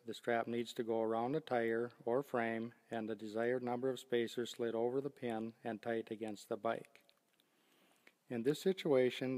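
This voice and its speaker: An older man giving a steady, scripted step-by-step demonstration of loading bikes onto a rack. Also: medium pitch, big-room sound. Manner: steady, methodical step-by-step explaining. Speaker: product demonstrator. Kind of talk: scripted instructional narration.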